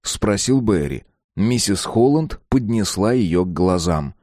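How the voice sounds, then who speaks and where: A man narrating an audiobook in a steady, even storytelling manner. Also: on the low side, unhurried, no room sound, clean studio sound.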